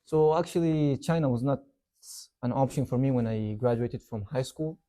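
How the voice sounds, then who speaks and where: A young man from Yemen who grew up in Saudi Arabia answers interview questions in an easy, meandering way. His voice is very dark and mellow, and he leans on "like" and "you know" as he talks. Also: mid-range voice, normal speed. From Yemen, raised in Saudi Arabia. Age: young adult. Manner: relaxed, rambling, many "like" and "you know" fillers. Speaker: interview guest, university student. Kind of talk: casual interview chat.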